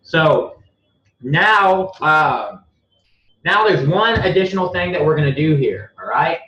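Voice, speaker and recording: During a live screen-share tutorial, an online marketing instructor walks through the steps slowly, blunt and profane, repeating himself as he clicks along. His fairly high voice is animated, pushed, and bright. Expect an echoey room, a slightly dull lo-fi sound, and slight background noise.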